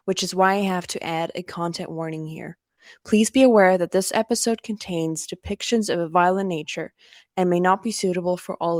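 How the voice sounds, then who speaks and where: A woman hosting a podcast, reading a measured introduction and asking questions clearly. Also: on the low side, no echo, studio quality. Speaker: podcast host. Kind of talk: scripted intro and interview questions.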